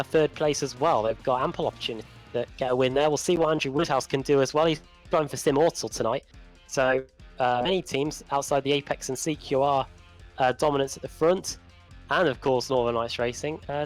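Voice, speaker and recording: Male motorsport presenter over faint guitar music. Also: on the high side. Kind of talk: broadcast race preview.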